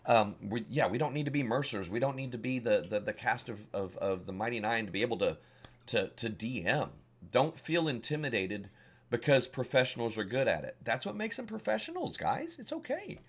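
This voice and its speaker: A man's voice: fairly low pitch, a little fast, fairly bright tone. A man with a Southern US accent, a dungeon master giving casual, rambling advice and often repeating words as he searches for them. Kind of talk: casual instructional talk.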